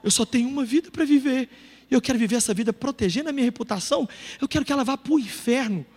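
A middle-aged pastor preaches with a fairly high voice, telling his story with lively, dramatic emphasis. The sound carries a long reverb from the hall he speaks in, and he acts out the quoted voices as he goes. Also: fast talker, slightly rough. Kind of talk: sermon testimony.

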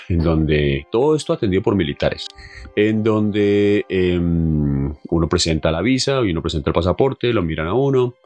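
Low-voiced young Colombian man, animated travel storyteller, chatty. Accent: Colombian Spanish. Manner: animated, chatty, fond of asides and fillers. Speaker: traveler telling his story. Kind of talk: casual storytelling.

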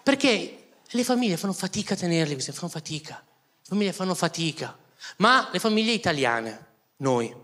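A man in his thirties, a comedian telling funny stories in an animated, exasperated way and laughing through his punchlines. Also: high-pitched, brisk. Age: 30s. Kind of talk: comic storytelling.

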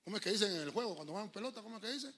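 Animated, husky Honduran pastor. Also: male voice, sits high, rapid-fire. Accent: Honduran Spanish. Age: middle-aged. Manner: joking, storytelling preacher, acts out voices. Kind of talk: lively sermon.

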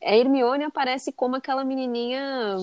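A woman's voice: high-pitched, fairly even intonation, normal speed, darkish tone, smooth, no room sound, clean studio sound. Attentive woman co-host. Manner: attentive, adds side notes and frequent "uhum". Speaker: podcast co-host. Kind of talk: casual chat.

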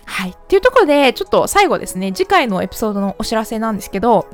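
A woman's voice: a little high, big pitch swings, rapid-fire, faint music behind. A woman from the Kanto region, chatting politely as the host of her own solo podcast, with many fillers.

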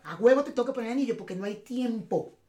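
Woman, Venezuelan accent, casual podcast chat, animated, slightly high voice, echoey room. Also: quick pace. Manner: animated, slangy, acts out quoted voices. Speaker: podcast co-host.

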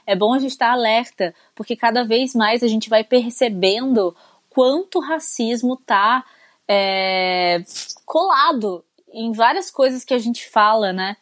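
A woman's voice: a little high, measured pace, no room sound. A Brazilian woman co-hosting a talk show, chatting in a casual conversational way with frequent tag questions, sounding sleepy. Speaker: co-host. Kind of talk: casual news commentary.

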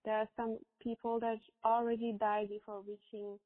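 A woman in her forties from Morocco, telling a personal story as a podcast guest in a halting, hesitant way. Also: fairly high pitch, little pitch movement. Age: 40s. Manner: halting, hesitant with many pauses. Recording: echoey, tinny phone-like line.

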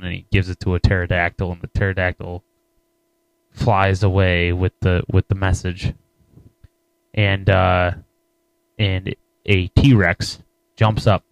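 A man's voice: sits low, vocal fry, dry recording, low-quality recording. A man co-hosting a casual podcast, rambling through a story with many fillers and laughing at it. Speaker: podcast co-host.

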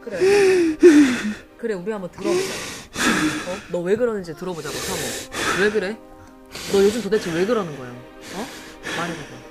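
An actress playing a stern female Mars crew member who scolds a crewmate loudly. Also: on the low side, very animated, normal speed, pauses often, music in the background. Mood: probing. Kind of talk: web drama acting.

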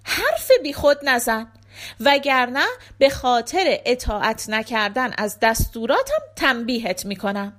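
A woman's voice: high-pitched, sing-song, pitched above the performer's own voice. A woman voicing a proud, harsh rich merchant who speaks sternly and commandingly in a folktale reading. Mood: angry.

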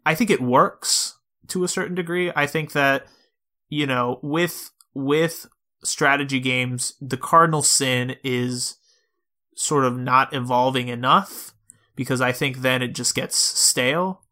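A podcast co-host with a medium-pitched, bright, pushed voice talks a little slowly as he discusses video games. His manner is casual and conversational, reasoned, and full of asides.

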